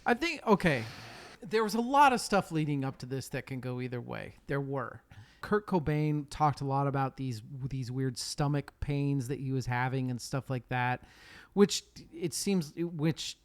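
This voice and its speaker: A man's voice: medium pitch, animated, normal speed. A man hosting a casual podcast, chatty and swearing, often restarting his sentences. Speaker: podcast host.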